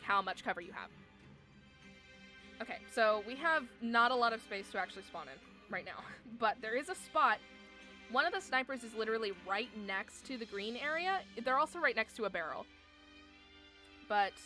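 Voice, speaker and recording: Woman streamer with a crisp, bright, slightly high voice, explaining a game in chatty live commentary. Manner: chatty, explains game rules step by step with frequent fillers.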